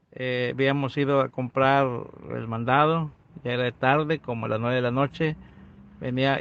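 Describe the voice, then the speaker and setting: A middle-aged man recounts a personal testimony in plain, conversational storytelling. His voice sits a bit high, and the recording sounds dull and lo-fi. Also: fairly bright tone. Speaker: guest giving a testimony.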